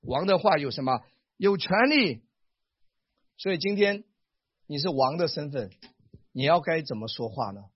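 A man preaching a sermon as pastor, animated and acting out the lines he quotes. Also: fairly high pitch, moderate pace, long pauses, husky, dry recording, lo-fi sound.

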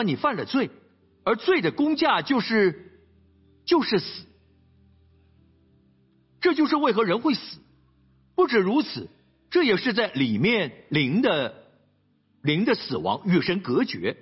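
A male pastor preaching a sermon, telling a story in an animated way and often asking his listeners "right?". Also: high voice, measured pace, pauses often, slightly rough, highs cut off, faint music behind.

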